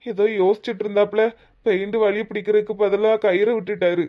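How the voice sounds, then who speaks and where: A performer voicing a worried young cartoon coworker with a Tirunelveli Tamil accent. He talks in a flat, mid-pitched voice. The recording sounds dull and lo-fi. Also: fast talker, lightly acted. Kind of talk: cartoon voice acting.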